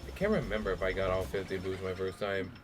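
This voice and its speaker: A man's voice: sits low, fast, a little hiss or hum. A man giving casual, wry commentary while playing a video game with friends. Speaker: let's play commentator.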